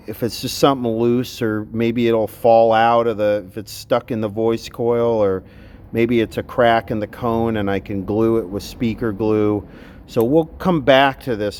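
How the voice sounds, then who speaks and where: A man with a lowish, darkish-toned voice hosts an electronics repair video. He offers casual, unscripted commentary while working, speaking bluntly and thinking aloud in fragments.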